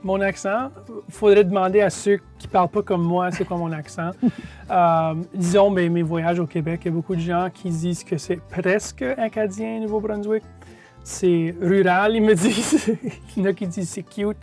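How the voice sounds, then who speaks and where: A relaxed, chatty speaker with a Franco-Manitoban accent talking casually. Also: medium pitch, moderate pace, faint music behind. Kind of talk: casual chat.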